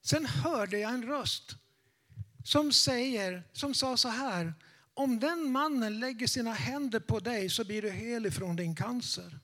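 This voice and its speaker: A man's voice: extremely high pitch, fairly bright tone. A man voicing a nervous older woman who is a blunt skeptic and talks in a hurry. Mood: earnest. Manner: hurried, fast talk.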